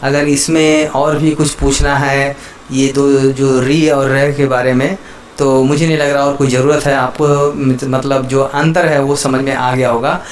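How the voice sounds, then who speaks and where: A man's voice: mid-range voice, flat delivery, a little slow, a little hiss or hum. A man teaching Hindi letters to viewers, patiently repeating each example word and checking in with the listener again and again.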